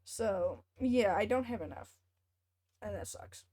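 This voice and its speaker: Gaming on a livestream, a young female streamer talks in a casual, hesitant way and rambles a bit as faint game music plays. She has a mid-range voice with a dark tone and a slow pace.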